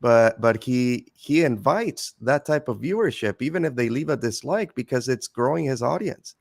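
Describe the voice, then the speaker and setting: Gravelly dude cohosting, chatty, wanders off on tangents over a call. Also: male voice, medium pitch, lively intonation, moderate pace. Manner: rambling, thinks aloud in tangents. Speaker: co-host. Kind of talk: casual reaction chat.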